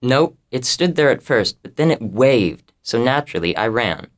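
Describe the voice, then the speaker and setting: A woman reading a storybook, voicing a nervous, hushed young neighbor boy. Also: a bass voice, very animated, moderate pace, voice pushed down.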